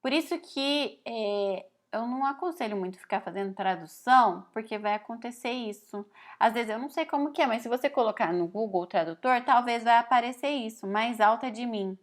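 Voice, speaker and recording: A woman from Brazil teaching Italian in a relaxed spoken lesson, explaining slowly, reading phrases aloud and often adding "né?". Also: fairly high pitch. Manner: frequent "né?" tag questions.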